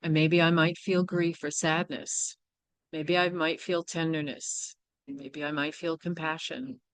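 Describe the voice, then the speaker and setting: A woman's voice: deep voice, flat delivery, a little slow, dry recording. A woman presenting a workshop, speaking candidly and reflectively, often checking in with her listeners. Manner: candid and reflective, with frequent "right?" and "you know". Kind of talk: personal teaching talk.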